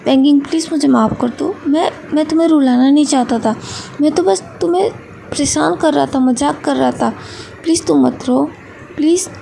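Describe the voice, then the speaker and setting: A woman doing a teasing young college guy, sulky one moment and pleading the next. The voice sits high with a gravelly edge and a dark, mellow tone. It is read for a fan storybook. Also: moderate pace, a little hiss or hum. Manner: pleading, then sulky and coaxing.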